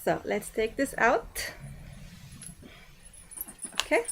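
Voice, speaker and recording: A woman giving a prepared personal speech to an audience in a class setting, speaking deliberately with frequent pauses and fillers. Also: a little high, wildly swooping pitch, fairly bright tone, slight background noise, low-quality recording.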